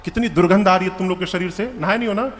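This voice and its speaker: A man voicing a stern, mighty male monkey god in a devotional story sermon, giving firm orders in a hushed voice. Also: high voice, very fast, slight background noise, lightly acted.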